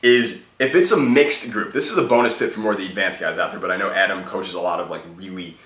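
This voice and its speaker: A young man talks fast and loose, handing out dating tips in a relaxed, chatty flow. His voice sits a little low but has a bright, forward edge. He sounds set back from the mic in an echoey room. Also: distant mic. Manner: laid-back, chatty, full of "like" and "okay?". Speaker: dating advice speaker. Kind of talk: casual advice monologue.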